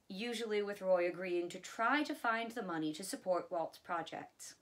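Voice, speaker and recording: A woman reading a biography aloud in a relaxed way, adding chatty asides of her own. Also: mid-range voice. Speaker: audiobook reader.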